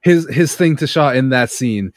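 Excitable man in casual podcast chat. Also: medium pitch, moderate pace, no echo, clean studio sound. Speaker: podcast co-host. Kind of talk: casual film discussion.

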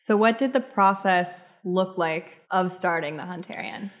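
A woman's voice: on the low side, measured pace. A woman hosting a podcast and putting questions to a guest. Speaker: podcast host and interviewer.

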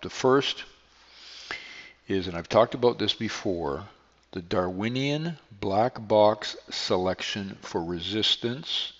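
A middle-aged or older man hosting a podcast alone, talking casually and earnestly in a halting way. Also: fairly low pitch. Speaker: podcast host, beekeeper. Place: echoey makeshift indoor studio. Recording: echoey hall-like studio, dull sound.

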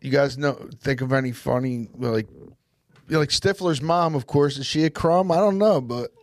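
A man's voice: mid-range voice, normal speed, dry recording. Loose-talking man on a podcast, dry sound. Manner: loose, hesitant, full of fillers. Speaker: podcast co-host. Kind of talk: casual chat.

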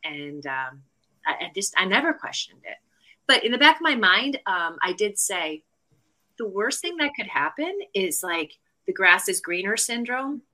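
Woman, middle-aged, podcast guest, real estate agent, bright voice, chatty, fillers and restarts. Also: mid-range voice, very animated, normal speed, low-quality recording. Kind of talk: casual podcast interview.

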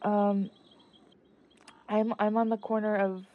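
A woman's voice: medium pitch, level tone, slow. An actress playing a panicked young woman leaving a voicemail after a car crash, stammering and breathless, heard over a landline phone. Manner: stammering, breathless, dropping to a whisper. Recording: dull phone-line voicemail.

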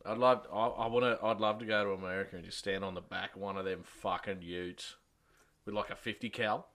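Aussie bloke just chatting, bright forceful voice, blunt and sweary. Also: male voice, on the low side, steady tone, fairly quick. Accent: Australian. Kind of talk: casual chat, banter.

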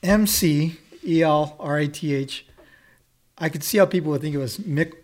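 A middle-aged man hosting an interview, chatty and friendly, asking questions and giving quick backchannels. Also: on the high side. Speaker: interviewer, host. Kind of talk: casual interview.

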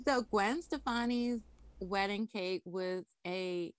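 A woman's voice: medium pitch, animated, extremely slow, no room sound. A woman from the Bahamas, a wedding cake designer, chatting upbeat as a podcast guest. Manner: upbeat, chatty, frequent laughs and "like".

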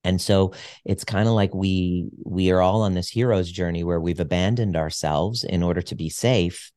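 A man in his forties speaks with a very low voice, thoughtful and earnest as he works through his ideas. The sound is dry and close, with no room around it. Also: normal speed, darkish tone, no echo. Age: 40s. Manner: reflective, earnest, with frequent restarts. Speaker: podcast guest, chiropractor. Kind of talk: casual conversation.

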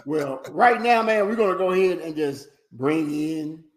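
A man's voice: on the high side, expressive, a little slow, reverberant. A man co-hosting a casual online music show, speaking in easygoing slang and often repeating his words. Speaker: co-host. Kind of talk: casual chat.

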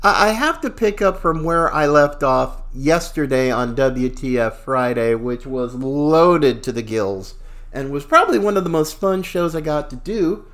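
A man's voice: fairly high pitch, lively intonation, unhurried, fairly bright tone. A man hosting a talk show with casual, folksy, opinionated and slangy political commentary.

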